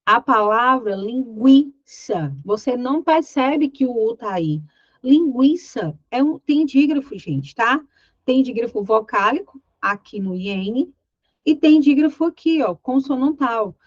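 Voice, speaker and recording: A woman's voice: high voice, lively intonation, unhurried, a little mellow, no room sound, muffled recording. A woman with a Brazilian Portuguese accent teaching an exam-prep grammar lesson, explaining step by step and often checking in with her students. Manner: voices imagined student questions.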